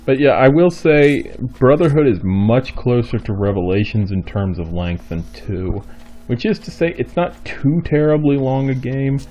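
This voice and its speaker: A man's voice: medium pitch, moderate pace, warm tone, muffled recording. A man giving casual let's play commentary, rambling and cursing casually.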